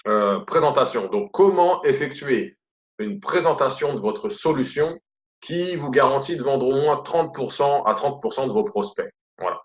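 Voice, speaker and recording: A man with a Quebec French accent giving a casual sales lesson, chatty and full of fillers and repeated stock phrases. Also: medium pitch. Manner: chatty, repeats "voilà" and "tout simplement", many fillers. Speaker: sales trainer. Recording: roomy, dull lo-fi audio.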